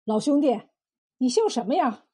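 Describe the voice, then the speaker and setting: A woman's voice: high-pitched, lively intonation, moderate pace, warm tone, husky. A woman voicing a courteous, earnest old male sage in a told folk tale, asking polite questions. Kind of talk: storytelling role voice.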